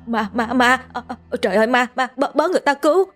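A woman's voice: mid-range voice, fairly quick, soft background music, lightly acted. A woman voicing a frightened young village man who stammers in panic. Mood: panicked.

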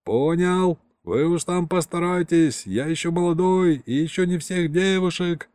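A man's voice: on the high side, measured pace, darkish tone, smooth, dry recording, studio quality, voice pushed up, natural voice. A man voicing a joking young male pilot in an audiobook, wry and mock-dramatic, drawing out his words. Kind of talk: audiobook character voice.

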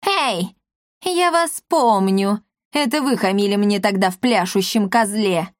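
A woman's voice: mid-range voice, a little slow, no room sound, clean studio sound, close to an everyday voice. A woman voicing a grumpy, sly old male apothecary who grumbles, hisses and squeals. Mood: suspicious. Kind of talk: audiobook character voice.

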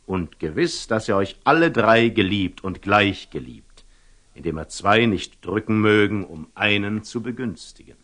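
Slow, gravelly wise storyteller. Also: male voice, fairly low pitch, exaggerated voice. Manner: rhetorical, deliberate, with emphatic rises and hushed drops. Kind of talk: German classical radio drama acting.

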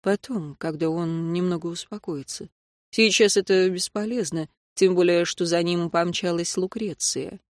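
A woman voicing a tender, weakened young man who speaks quietly and softly. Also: fairly low pitch, steady tone, normal speed, no echo, clean studio sound, close to an everyday voice. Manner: quiet, soft-spoken.

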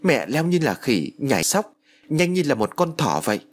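A man's voice: mid-range voice, big pitch swings, moderate pace, voice pushed up. A man voicing an urgent, fearful young woman in a spoken ghost story, talking insistently. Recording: music bed under voice.

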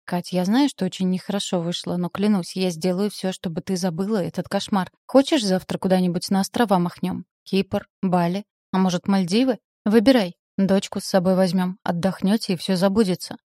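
A woman's voice: mid-range voice, steady tone, fairly quick, hardly any pauses, warm tone, no room sound, clean studio sound, close to an everyday voice. A woman reading the lines of a remorseful male boss who anxiously coaxes and pleads in a storybook. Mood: pleading. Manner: anxious, coaxing.

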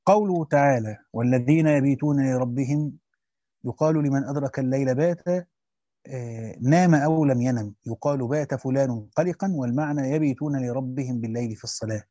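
In a steady, scholarly manner, a man reads a classical Quran commentary aloud, frequently repeating a phrase to correct himself. His pitch is medium, and the audio is dull with no room sound.

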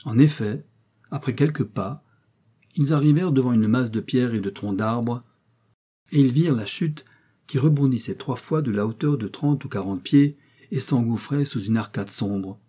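Husky-voiced man reading a classic novel. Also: mid-range voice, dark tone. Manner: measured storytelling. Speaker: audiobook reader. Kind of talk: scripted narration of a classic novel.

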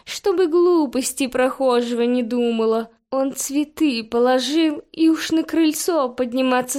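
A woman's voice: high voice, a little mellow. A woman voicing a sly, lazy, cowardly male house cat who drags out his words in a whine. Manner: drawn-out whining and pleading.

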